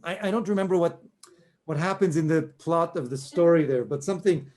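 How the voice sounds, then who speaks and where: A man's voice: fairly high pitch, a little fast, darkish tone. Chatty man coaching on a video call. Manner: chatty and self-interrupting, apologetic, encouraging. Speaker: violin masterclass teacher. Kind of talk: online masterclass coaching.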